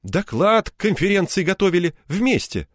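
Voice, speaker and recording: A jealous, absent-minded male scientist, as a narrator puts him on, speaking in indignant, stammering outbursts that run high above the narrator's usual voice. It is audiobook dialogue with a dry, close sound. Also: very animated, moderate pace, dry recording. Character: flustered, jealous male scientist with a thin beard.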